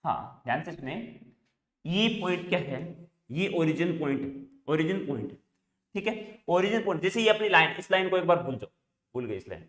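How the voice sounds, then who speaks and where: Here a male math teacher runs through question after question, answering each one himself, in a room with an echo. His fairly high, fairly bright voice has lively intonation and moves fairly quickly.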